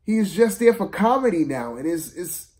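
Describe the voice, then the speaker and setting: With a high voice that swings widely in pitch and has a slightly mellow quality, a man rants casually and without a script about a film. His exasperated, slangy delivery is halting, with repetition for emphasis.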